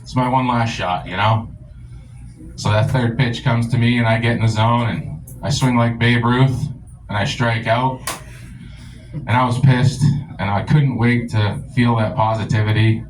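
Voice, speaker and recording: A young man from the rural US doing a stand-up set in a comedy club, telling crude stories with a deadpan delivery. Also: mid-range voice, measured pace, a little hiss or hum, low-quality recording. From rural United States.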